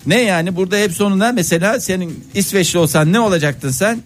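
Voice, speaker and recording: A man's voice: high voice, fast talker, soft background music. A man hosting a radio show, chatting in a joking, teasing way that keeps drifting into mock quotes. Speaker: radio host. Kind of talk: casual comedic radio banter. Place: radio studio.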